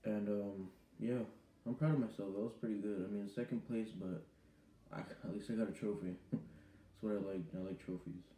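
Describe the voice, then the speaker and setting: Here the teen vlogger speaks at a moderate pace in a lowish, warm voice with fairly even intonation, still rambling and hesitant with plenty of ums as he chats to camera. The small bedroom gives an echo, and the arm's-length webcam or phone picks up slight hiss or hum.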